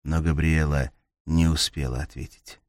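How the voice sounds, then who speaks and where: Male thriller narrator, bass-low pitch, dry close read. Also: steady tone, normal speed, no echo. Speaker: audiobook narrator. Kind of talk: scripted narration.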